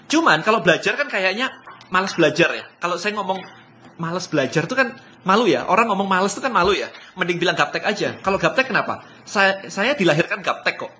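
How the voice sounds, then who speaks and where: An excitable man talks in a live-stream motivational business session. His voice sits a bit high and comes out bright and forceful, and he laughs often as he talks. He drops English phrases into his casual speech. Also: quick pace, a little hiss or hum. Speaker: business speaker.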